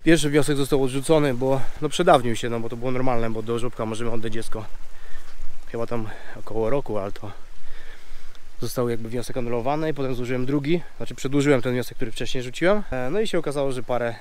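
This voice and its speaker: A man's voice: mid-range voice, fast, darkish tone. Slightly nasal man, casual vlogging. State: mild cold. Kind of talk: casual vlog chat to camera. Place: outdoors, open meadow and riverside trees. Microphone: camera at arm's length.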